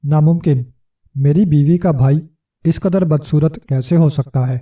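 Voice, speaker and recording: A man's voice: a little high, mellow, far from the mic, close to an everyday voice. A man voicing a boastful, scrawny male trickster who blusters and flares up in anger, in a storybook reading.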